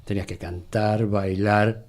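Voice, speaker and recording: A mature radio actor and announcer, middle-aged or older and with a Buenos Aires area Argentine accent, recounts anecdotes as an interview guest, thinking aloud along the way. His delivery is flat and unhurried, in a voice that is on the low side with a darkish tone.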